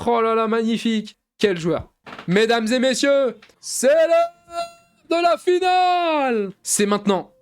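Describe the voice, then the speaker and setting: A man giving excited play-by-play commentary over a football video game, shouting out goals like a mock commentator and dropping into low mumbled asides between bursts. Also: takes it slowly, clear, resonant tone. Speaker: gaming YouTuber.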